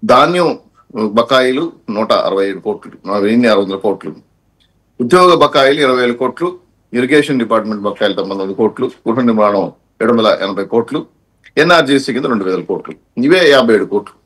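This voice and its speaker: Husky-voiced man listing figures. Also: medium pitch, expressive, brisk, a bit bright. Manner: reels off figures in long lists. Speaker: panelist. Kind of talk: political debate argument.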